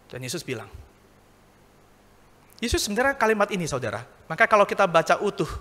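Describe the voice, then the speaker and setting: Bright-voiced preacher in an echoey hall. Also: male voice, high voice, big pitch swings, fairly quick. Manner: conversational preaching, rising to emphatic peaks. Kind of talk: sermon. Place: church hall.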